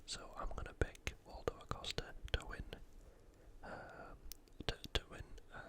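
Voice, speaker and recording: An ASMR host whispers breathily without voicing, offering an informal, slightly hesitant analytical preview of a sports matchup at a moderate pace.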